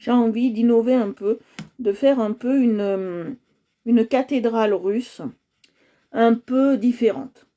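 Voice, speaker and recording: A woman's voice: on the high side, takes it slowly, dark tone. A woman hosting a coloring livestream, chatting casually with her viewers and often repeating herself as she checks in with them.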